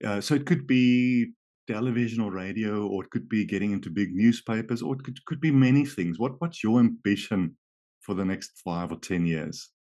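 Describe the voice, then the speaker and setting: A middle-aged native Afrikaans speaker hosts a conversational interview, keeping it chatty and friendly. His voice is lowish and mellow, at a normal speed.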